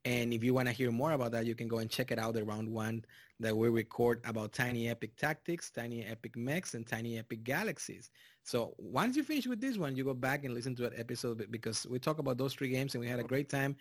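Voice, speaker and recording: With a mid-range voice and a Mexican Spanish accent, a man from Mexico hosts a board game podcast, chatting casually and rambling with fillers and restarts. His intro comes out loud and drawn-out. The clean studio audio has no echo.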